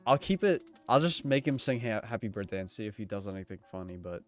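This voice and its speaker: A man's voice: lowish voice, animated, fast. A young man streaming, joking and pushing an AI chatbot, growing exasperated. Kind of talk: casual livestream chat.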